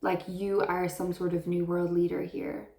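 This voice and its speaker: A woman's voice: fairly low pitch, flat delivery, moderate pace, darkish tone, echoey room. A woman giving an intuitive tarot reading to her viewers, speaking in an earnest, affirming way and heaping praise on them. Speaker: tarot reader.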